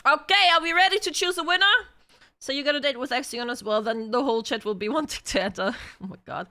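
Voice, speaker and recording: A woman streamer chats casually with her live viewers in a high, bright voice that stays clean and smooth. She takes her time and keeps the tone bubbly and talkative, breaking now and then into loud calls. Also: fast talker. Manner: bubbly, chatty with viewers, bursts of shouting and laughing.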